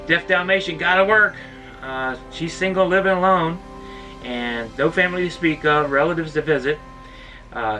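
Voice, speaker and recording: A man's voice: mid-range voice, bright, forceful tone. A middle-aged man chatting casually to camera in his RV, upbeat and full of fillers. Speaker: RV travel vlogger. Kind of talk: casual vlog talk to camera. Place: inside an RV decorated for Christmas. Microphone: camera at a distance. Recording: voice a little far from the mic, music behind.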